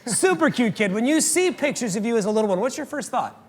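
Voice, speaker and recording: A male host interviewing a guest, asking gentle, encouraging questions. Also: very high-pitched, lively intonation, fast talker, long reverb tail. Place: fitness studio.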